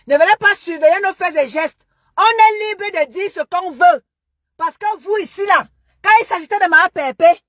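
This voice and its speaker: A Cameroonian woman with a Cameroonian French accent and a high voice lectures her followers in a long, scolding monologue. She keeps repeating her warnings. The sound is dry and close. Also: a bit bright, dry recording. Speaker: social media commentator.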